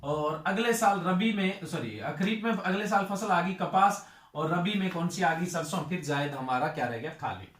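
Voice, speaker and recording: A man's voice: high-pitched, moderate pace, a bit bright, echoey room, far from the mic. A male agriculture tutor giving a lecture. He asks his students questions and then answers them himself.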